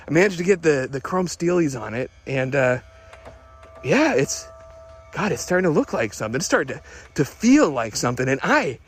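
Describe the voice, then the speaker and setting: Over background music, a man plays an excitable, obsessive character smitten with his old car, using a fairly high male voice. He rambles through an audio diary, stammering and restarting in breathless eagerness. He sounds elated and fixated.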